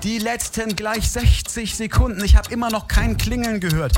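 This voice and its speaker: A man hosting a live call-in quiz in an infomercial style, pressing viewers urgently and repeating his pitch in a TV studio. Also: music in the background. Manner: repetitive, slowly recites phone number digit by digit. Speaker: call-in quiz show host.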